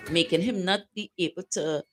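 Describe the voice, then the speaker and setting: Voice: medium pitch, brisk, fairly bright tone. A talk show host who keeps the guest going with short replies, then gives an opinion at length. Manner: prompting, affirming, then lecturing. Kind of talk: casual talk show chat.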